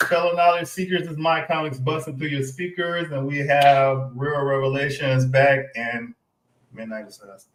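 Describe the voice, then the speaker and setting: A man's voice: fairly high pitch, level tone, moderate pace, few pauses, background noise. A man hosting a casual podcast chat, laid-back and often restarting his words. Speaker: podcast host. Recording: roomy echo.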